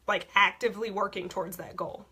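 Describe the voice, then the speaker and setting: A young woman, a frank team leader teaching goal-setting in casual talk. She often checks in with "okay?" and her voice is going hoarse. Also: medium pitch, steady tone, a little fast, pushed and bright.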